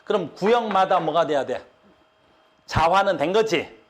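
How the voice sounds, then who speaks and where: A man's voice: sits high, animated, unhurried. A man teaching an online physics lecture in casual speech, often telling students to look and asking whether they understand. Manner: repeats "봐" and "알겠니?" checks to students; casual speech, explaining with drawings.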